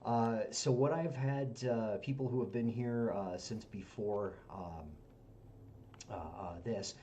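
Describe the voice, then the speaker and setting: A man hosting a game stream, chatting casually and jokingly, often halting with fillers. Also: fairly low pitch, dark tone, a little hiss or hum. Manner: joking, halting, many uhs. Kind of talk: casual chat while playing.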